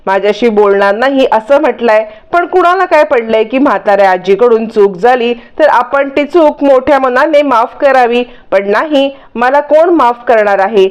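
A woman's voice: fairly high pitch, lively intonation, moderate pace, hardly any pauses, clear, resonant tone, lightly acted. A woman voicing an old grandmother who pities herself and overacts in a whiny, melodramatic way. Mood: self-pitying.

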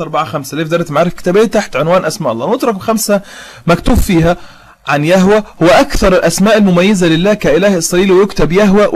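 A young man with an Egyptian accent, arguing as host of an online religious debate and reading quotations aloud. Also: sits high. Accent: Egyptian Arabic. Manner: fast, argumentative, reads quotations aloud.

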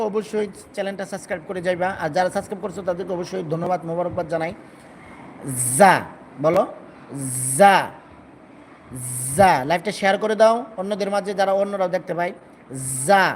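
High-voiced man drilling letter sounds. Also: a little hiss or hum. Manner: drawn-out repeated letter sounds for students to copy. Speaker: Quran recitation teacher. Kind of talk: live-streamed pronunciation lesson.

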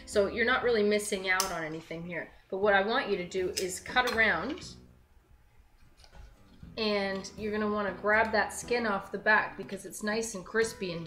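A woman's voice: mid-range voice, a bit bright. A young woman hosting a home cooking show, chatting upbeat and casual as she works at the counter of a large kitchen. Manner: chatty, upbeat, talks while working with her hands. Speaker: web cooking show host. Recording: echoey kitchen with light background music.

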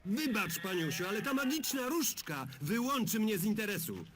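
A man's voice: high-pitched, very animated, moderate pace, crowd noise. An actor voicing a stubborn, wheedling male game stall keeper in a dubbed adventure game. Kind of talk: game dub voice acting.

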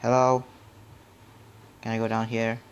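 A man's voice: fairly low pitch, a little slow, creaky, muffled recording, slight background noise. A man playing a horror game and commenting on it, jumpy and nervous, often dropping to a whisper and muttering mild curses to himself. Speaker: gamer. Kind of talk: horror let's play commentary.

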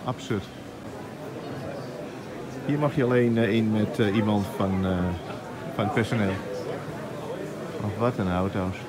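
A man's voice: fairly low pitch, steady tone, unhurried, long pauses, a loud crowd. A middle-aged man chatting casually as he films a vlog in a large exhibition hall, exclaiming in amazement at what he sees. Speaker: vlogger. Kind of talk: casual vlog at a trade fair. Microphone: phone at arm's length. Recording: noisy hall background.

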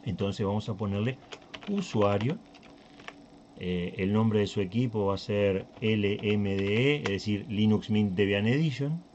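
A man's voice: on the low side, unhurried, darkish tone, dull audio, slight background noise. A Uruguayan man hosting a tech channel, talking casually through a screen recording and thinking aloud with many fillers and restarts. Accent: Uruguayan Spanish.

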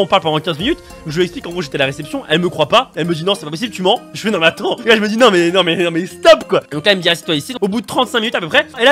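A young man telling a story on his vlog, animated and slangy, acting out the people in it. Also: high-pitched. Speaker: vlogger.

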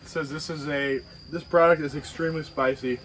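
A man's voice: on the high side, steady tone, a little fast, fairly bright tone, slight background noise, poor audio. A young man co-hosting a hot-food challenge, giving easygoing running commentary with the odd whoop. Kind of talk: casual challenge banter.

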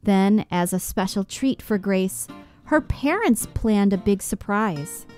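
Slow, expressive woman storyteller. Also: mid-range voice, faint music behind. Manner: expressive, sing-song. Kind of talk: children's book read-aloud.

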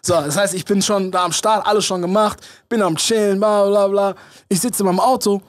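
A young man, a choreographer and show director, telling a story as a podcast guest with lively energy, acting out quoted lines and mixing in English phrases. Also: high-pitched, fairly quick, dry recording. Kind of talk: animated anecdote-telling in casual chat.

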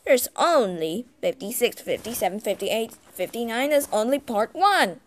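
A woman narrating and hosting a fan-made cartoon in halting, broken phrasing. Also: fairly high pitch, animated, dry recording. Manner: halting, ungrammatical phrasing with fillers.

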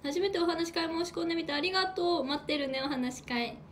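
High-voiced chatty young idol woman. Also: quick pace, slight background noise. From Hokkaido, Japan. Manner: reads out and thanks viewer comments; chatty, playful, eats while talking. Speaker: idol livestreamer. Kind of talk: casual solo livestream chat.

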